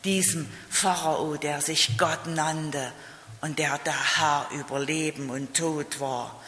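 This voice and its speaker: Slow, emphatic preacher in an echoing hall. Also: mid-range voice, steady tone, sharp tone. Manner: emphatic, repeats key phrases, rhetorical questions. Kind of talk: sermon. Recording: roomy hall with long reverb.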